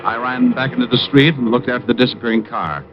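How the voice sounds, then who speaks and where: A male actor with a mid-range voice narrates a case as a cool, smart-mouthed private eye in old-time radio drama fashion, wry and hardboiled. He sounds animated and fast, close to how he'd speak normally, over a dull vintage recording with faint music.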